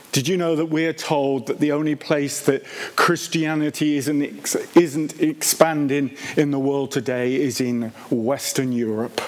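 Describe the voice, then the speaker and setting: A man preaching a sermon at a baptism service, emphatic and deliberate, repeating key phrases and asking rhetorical questions. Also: fairly high pitch.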